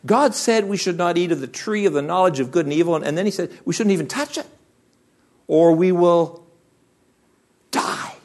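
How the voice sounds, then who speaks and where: A man's voice: high voice, moderate pace, long pauses. A man quoting Eve, the first woman, eager and innocent, within his sermon.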